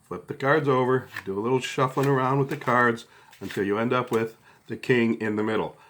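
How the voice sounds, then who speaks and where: A man's voice: medium pitch, fairly quick, fairly bright tone, a little hiss or hum. A middle-aged man talks through a hands-on tutorial step by step in a casual, conversational way, often checking in as he goes. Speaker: card trick instructor.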